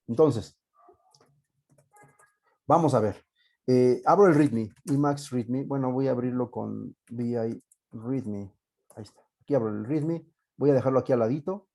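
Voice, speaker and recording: Mexican guy teaching an online class, middle pitch, warm mellow voice, casual, lots of "este" and side jokes. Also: a little slow, vocal fry, pauses often. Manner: casual, thinking aloud with many fillers and joking asides. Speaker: university teacher. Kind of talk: live online class lecture.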